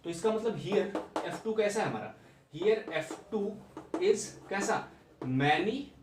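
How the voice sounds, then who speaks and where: A man's voice: sits high, lively intonation, slow. A young man teaching maths in a classroom-style lecture, repeating key points and checking understanding with rhetorical questions. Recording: echoey room, mic at a distance, background noise.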